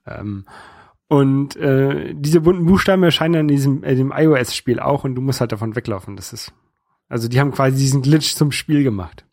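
A man in his thirties chatting casually as a podcast co-host, explaining things haltingly with pauses. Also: mid-range voice, darkish tone, no room sound, studio quality. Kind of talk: casual chat about video games.

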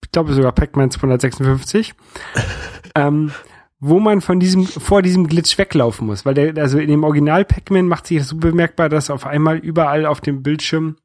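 A man with a fairly high-pitched voice talks casually about video games. He explains in a halting way, pausing as he goes. The sound is very dry, as on a podcast microphone. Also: darkish tone, no room sound. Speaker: podcast co-host.

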